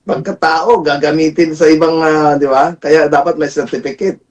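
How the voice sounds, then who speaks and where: A male talk show host chats casually with a guest. He murmurs frequent acknowledgments and breaks in to greet viewers. His voice is a little higher than average. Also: fairly even intonation, moderate pace, recorded from a distance, highs cut off. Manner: frequent soft back-channel "mhm", greets viewers.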